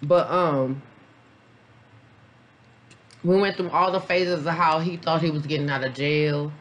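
A woman's voice: deep voice, steady tone, a little slow, a little hiss or hum. Blunt, rambling woman vlogger. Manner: blunt, profane, rambling with many fillers. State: a little tipsy after a beer. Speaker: vlogger, mom reviewing a documentary. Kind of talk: casual reaction review.

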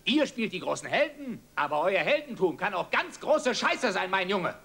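An actor playing a middle-aged father who gruffly lectures his grown son, in dubbed film dialogue. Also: high voice, very animated, normal speed, a bit bright, heavily acted. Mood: angry.

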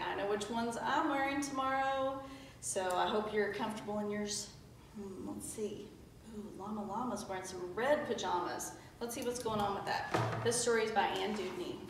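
A woman teacher reading a storybook to children. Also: mid-range voice. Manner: animated, warm storytelling with sing-song exclamations. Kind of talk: reading a picture book aloud to children. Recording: echoey room, voice from a distance, faint hiss.

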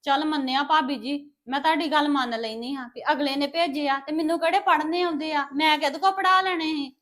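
Actress as a tearful, pleading young daughter in a family drama, high voice. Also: female voice, a little fast, a bit bright. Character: young unmarried woman, wrongly accused daughter.

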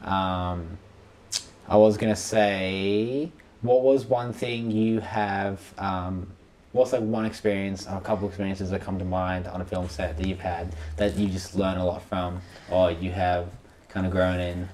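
A young filmmaker in his twenties rambles as host of a laid-back podcast, filling gaps with "like" and "you know." His voice is low and darkish, with little pitch movement and a measured pace. He's recorded close on a boom-arm studio mic, with slight hiss or hum.

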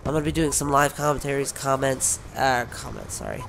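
A man's voice: medium pitch, brisk, creaky, a bit bright, slight background noise. A man with a sick voice, rambling casually as a gaming YouTuber, with many fillers and restarts. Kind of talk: rambling casual vlog talk.

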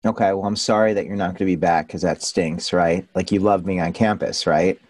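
A man's voice: sits low, fairly even intonation, brisk, no room sound. A middle-aged man hosting a video-call interview, enthusiastic and upbeat as he greets and questions his guests. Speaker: host. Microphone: studio mic on arm.

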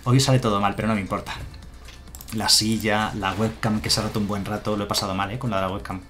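A man's voice: lowish voice, steady tone, fast talker, fairly bright tone, soft background music. A man with a Spanish accent from Spain, casually commenting a game on a live stream and answering his chat. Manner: chatty, answers chat, muses aloud. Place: home room with a chair.

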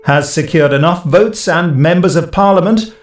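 A man's voice: a little high, roomy sound, faint music behind, pitched above the performer's own voice, close to an everyday voice. Man acting a smug, self-important politician. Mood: smug, statesmanlike. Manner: measured, self-important oratory. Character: smug male politician declaring election victory, statesmanlike.

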